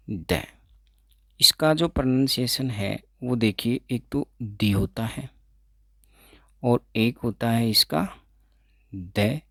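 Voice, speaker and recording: A man teaching English pronunciation as an exam-prep tutor, explaining slowly, repeating words and correcting himself as he goes. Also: mid-range voice, gravelly, bright, forceful tone, no echo, clean studio sound. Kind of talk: explaining phonetics in Hindi.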